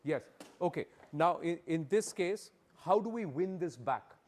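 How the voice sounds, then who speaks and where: A male news host with a North Indian accent, presenting live and giving brisk, repetitive directions in short phrases. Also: fairly high pitch, expressive, darkish tone.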